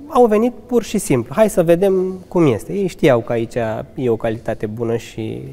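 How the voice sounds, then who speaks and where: A man's voice: a little high, animated, mellow. A man in his thirties from Romania, a restaurant manager answering interview questions earnestly, with restarts and eager asides. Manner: earnest, enthusiastic, occasional laughs and restarts. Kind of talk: conversational interview. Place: restaurant lounge with fireplace. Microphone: handheld mic held by interviewer.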